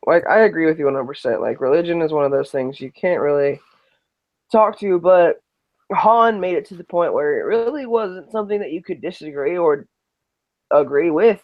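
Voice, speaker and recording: A man's voice: on the high side, normal speed, no echo. A man co-hosting a podcast, talking bluntly and casually with swearing and slang. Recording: dull lo-fi dry mic.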